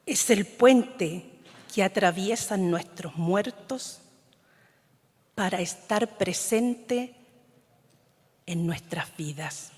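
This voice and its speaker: A woman from Chile, a native speaker of Mapudungun (Huilliche), gives a slow, solemn poetry reading, measured and frequently fading into whispers. Her medium-pitched voice has a breathy edge. The large conference hall lends the recording a long reverb.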